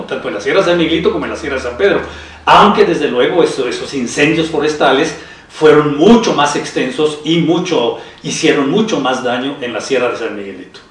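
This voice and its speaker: A man with a Mexican accent speaking in a measured, formal way in a panel discussion. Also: a little high, a little hiss or hum. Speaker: citizen council member. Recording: echoey room from far off.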